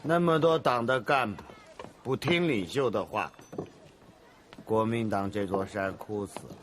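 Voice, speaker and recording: A man's voice: on the low side, a little slow, a little hiss or hum, natural voice. An actor playing a stubborn middle-aged male revolutionary leader in a historical drama, vehement and stammering when enraged. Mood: defiant.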